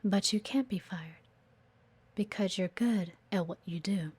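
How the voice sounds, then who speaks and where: In an audio roleplay addressed to the listener, a woman plays a blunt, guarded executive assistant who is earnest and admiring yet assertive and exasperated, sighing often. Her mid-range voice is unhurried, a little mellow, with a breathy edge.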